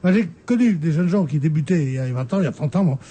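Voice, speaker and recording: A man's voice: a little high, lively intonation, fast talker, dark tone, slightly rough. A man on a radio panel giving strong opinions, stumbling and repeating his words. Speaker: regular panelist. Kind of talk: radio talk show chat. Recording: radio broadcast studio.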